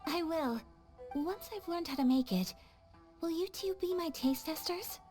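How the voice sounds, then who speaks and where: A woman playing a refined young noblewoman in a video game, gentle and earnest, with polite, measured phrasing. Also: extremely high pitch, faint music behind. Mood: eager, polite.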